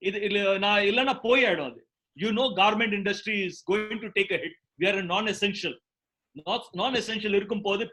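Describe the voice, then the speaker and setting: A man's voice: sits high, bright, forceful tone, rough recording. A man with a South Indian accent giving a motivational business talk, emphatically repeating his points and mixing in Tamil. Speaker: guest speaker, garment business founder. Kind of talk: motivational business talk answering audience questions.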